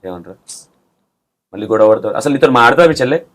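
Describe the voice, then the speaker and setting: Blunt, fast-talking man anchor. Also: mid-range voice, expressive. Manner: blunt, pressing, scolding. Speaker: interview anchor. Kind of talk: confrontational interview questioning.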